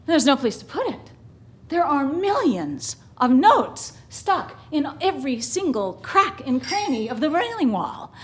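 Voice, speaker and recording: Slow, high-voiced woman telling a story. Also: very animated. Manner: dramatic, vivid, emotive delivery. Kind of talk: live personal storytelling.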